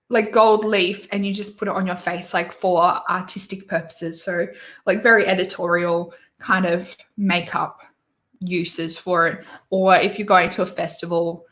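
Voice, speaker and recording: A woman's voice: fairly low pitch, pushed and bright, echoey room. A woman hosting a casual beauty chat, opinionated and rambling, with lots of fillers and restarts. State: hiccups and sneezy. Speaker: beauty YouTuber host. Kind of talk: casual livestream chat reviewing releases.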